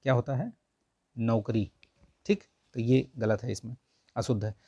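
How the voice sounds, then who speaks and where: A man's voice: medium pitch, sing-song, fairly quick, dark tone, husky, dry recording, lo-fi sound. A man teaching an online Hindi grammar lesson for an exam, explaining patiently and saying "theek hai" again and again. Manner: repeats "theek hai" constantly, coaxing and explanatory.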